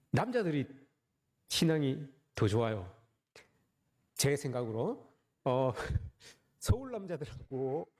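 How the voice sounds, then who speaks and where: A man's voice: medium pitch, a little mellow. A man preaching a sermon as pastor, joking and asking the congregation rhetorical questions.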